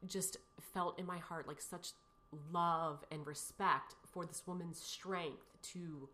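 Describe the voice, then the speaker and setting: A woman in her thirties tells a painful personal story as an interview guest. Her voice sits a little low but sounds bright and forward. She rambles, circles back and fills gaps with "you know" and "like.". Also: steady tone, slow. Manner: emotional, rambling, many fillers and restarts.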